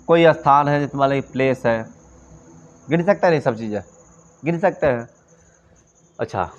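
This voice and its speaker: Man teaching grammar, lo-fi recording. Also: mid-range voice. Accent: Bhojpuri-tinged Hindi. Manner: repeats questions and answers them himself, mixes in English phrases. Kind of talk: classroom grammar lecture. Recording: dull lo-fi classroom recording.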